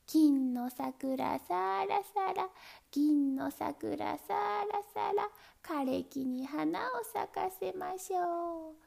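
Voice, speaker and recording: A woman narrator plays a kind old man from a storybook, chanting in a high, sing-song voice. The tone is soft and warmhearted, with a rough, breathy grain and a lively pitch. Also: unhurried, hardly any pauses, full character voice. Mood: joyful. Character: kind, cheerful old man with magic ash.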